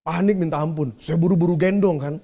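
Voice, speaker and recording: Male pastor, mellow warm voice, relaxed conversational sermon delivery straight to the congregation. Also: on the high side, fast talker. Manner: conversational preaching, addresses the congregation directly.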